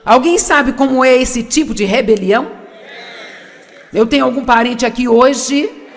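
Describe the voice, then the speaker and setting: A woman's voice: high-pitched, a little slow, long reverb tail, a little hiss or hum. A woman preaching a sermon, asking the audience questions and repeating her key points.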